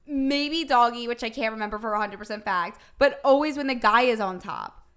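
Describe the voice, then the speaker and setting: A woman's voice: a little high, brisk, clean tone. A young woman co-hosting a podcast, telling candid stories in casual chat with lots of fillers. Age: young adult. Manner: candid, animated storytelling with frequent fillers. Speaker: podcast co-host.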